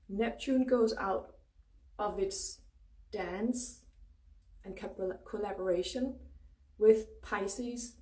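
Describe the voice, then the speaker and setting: Danish lady w danish accent chatting spiritual stuff, mellow voice, sweary and informal, echoey room. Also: medium pitch. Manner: informal, freely swearing, emphatic pauses. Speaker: spiritual astrology host. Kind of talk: casual spiritual livestream talk. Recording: roomy echo, distant microphone.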